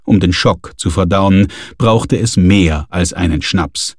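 A man narrates a novel in a measured, unhurried way. His voice sits at an ordinary pitch. The recording is dry and close, with no room sound. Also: darkish tone, no echo. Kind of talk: audiobook narration.

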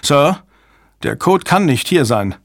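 A man's voice: fairly high pitch, very animated, slow, gravelly, no echo, studio quality, pitched above the performer's own voice, heavily acted. A man voicing an apologetic male field agent who reports to his boss in a raised, defensive voice.

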